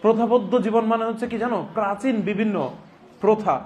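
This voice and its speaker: A man giving a classroom lecture as a teacher, repeating phrases deliberately for dictation and prompting students with emphatic questions. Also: sits high, fairly even intonation, a little mellow. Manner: repeats phrases slowly and deliberately for note-taking.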